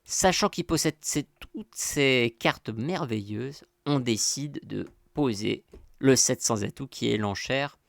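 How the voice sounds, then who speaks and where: A man's voice: medium pitch, slow, gravelly, dry recording, studio quality. A man hosting his own channel, explaining bidding in a casual lesson, talking in a loose conversational way with many fillers and repeated "so here" phrases. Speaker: bridge teacher and channel host.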